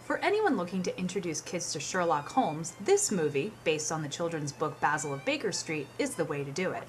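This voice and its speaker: Woman presenter, scripted countdown, playful wry asides, lively intonation, slightly low pitch. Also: brisk, faint music behind.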